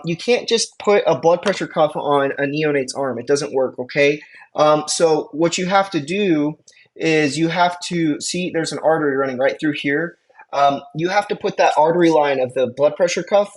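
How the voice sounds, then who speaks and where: Young male instructor, 20s, slightly high voice, relaxed filler-heavy lecture delivery. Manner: casual, filler-heavy explaining with frequent "you know" and "right". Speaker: EMT instructor. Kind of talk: recorded lecture.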